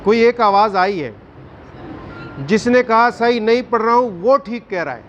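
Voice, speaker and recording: A man teaching a Quran recitation class, firm and questioning, drawing out recited words slowly. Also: very high voice, muffled recording, a little hiss or hum. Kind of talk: classroom tajweed lesson.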